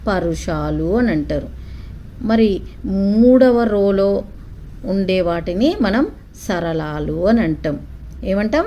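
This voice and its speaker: A woman teaching children the alphabet, saying each letter slowly and asking them to repeat it back. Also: medium pitch, dark tone, slight background noise. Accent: Telugu. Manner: slow, syllable-by-syllable call-and-response.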